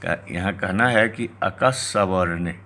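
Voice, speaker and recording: A male lecturer reciting Sanskrit grammar text and explaining it in Hindi, in a deliberate teaching manner. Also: deep voice, sharp tone. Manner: slow, deliberate explanatory delivery.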